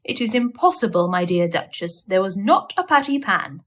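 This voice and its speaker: A woman voicing a prim, sensible lady animal hostess in a storybook, speaking in a proper, brisk and firm manner. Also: mid-range voice, big pitch swings. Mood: severe.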